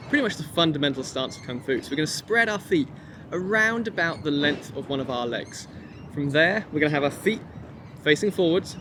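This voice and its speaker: A man instructing a kung fu class, encouraging and informal, giving step-by-step commands and counts. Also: on the high side. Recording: noisy outdoor recording with traffic ambience.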